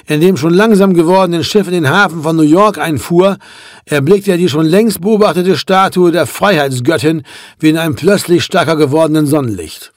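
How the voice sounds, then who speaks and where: A man reads a classic novel aloud in a measured, even narrating voice. His pitch sits somewhat high for a man, and the recording is dry and close with no room sound. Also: no echo. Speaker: audiobook narrator. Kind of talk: scripted literary narration.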